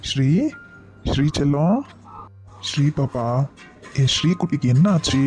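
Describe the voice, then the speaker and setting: Cartoon husband played by a man, young and caring, gentle coaxing talk, warm mellow voice. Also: on the high side, measured pace, soft background music, natural voice.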